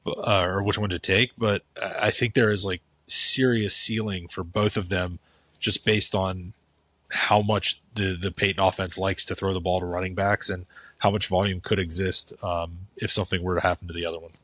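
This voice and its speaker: A man's voice: deep voice, steady tone, normal speed, a bit bright, no echo. A man co-hosting a podcast, giving casual fantasy football takes, often restarting with "I think". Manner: thoughtful, repeats "I think" and restarts. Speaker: podcast co-host.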